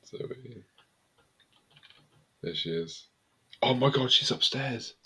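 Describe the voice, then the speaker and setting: A man's voice: medium pitch, takes it slowly, bright, forceful tone, husky. A man hosting a casual live stream from home, joking around and laughing often. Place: home room near a staircase.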